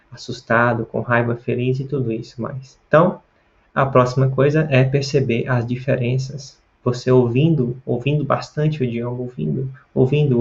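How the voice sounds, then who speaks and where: A man's voice: mid-range voice, gravelly, darkish tone. A man from Pará with a northern Brazilian accent, hosting a casual language-learning lesson, rambling and repeating words for emphasis. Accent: northern Brazilian Portuguese. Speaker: language-learning video host. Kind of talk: casual educational talk to camera. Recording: slightly dull, lo-fi sound.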